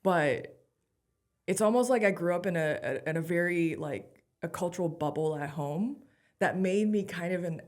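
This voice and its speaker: A woman in her thirties with a slightly low voice. She is a guest in a casual interview. She tells her story with candid, animated energy. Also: moderate pace. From Taiwan. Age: 30s. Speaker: guest comedian.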